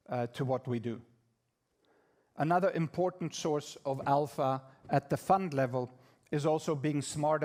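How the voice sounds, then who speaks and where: Male executive presenter, slightly raised pitch, measured corporate delivery with occasional hesitations. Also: darkish tone. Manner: measured, with frequent fillers and restarts. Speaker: executive presenting at investor event. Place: conference room.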